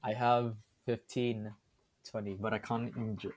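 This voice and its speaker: A man's voice: lowish voice, level tone, measured pace. A teenage man, chatting casually with friends, rambling with lots of fillers and restarts. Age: teens. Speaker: student. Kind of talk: casual chat.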